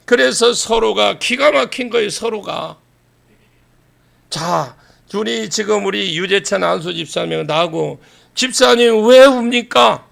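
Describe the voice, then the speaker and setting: A male pastor preaching a sermon in a church, animated and acting out scenes, raising his voice to a shout for emphasis. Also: high voice, unhurried, gravelly. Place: church sanctuary.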